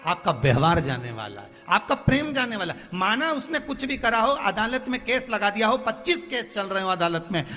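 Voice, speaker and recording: Pleading preacher man, high voice. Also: bright, forceful tone. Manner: pleading, emphatic, repeats phrases for stress. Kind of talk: devotional sermon. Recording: long hall reverb, faint music behind.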